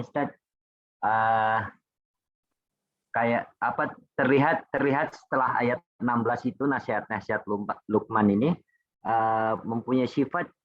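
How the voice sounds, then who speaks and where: Halting man on a dull lo-fi call. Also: mid-range voice, no echo. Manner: thoughtful and halting, with fillers and restarts. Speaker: participant in a study session.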